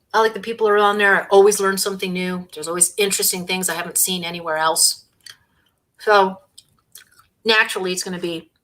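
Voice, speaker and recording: A woman's voice: lowish voice, sharp tone. A woman hosting a casual livestream, talking in a sarcastic, scornful way and eating a sandwich between remarks. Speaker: host.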